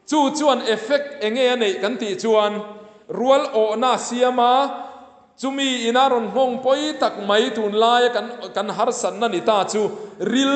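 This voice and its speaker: Man preaching a sermon, high voice, long hall reverb. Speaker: pastor. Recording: echoey hall.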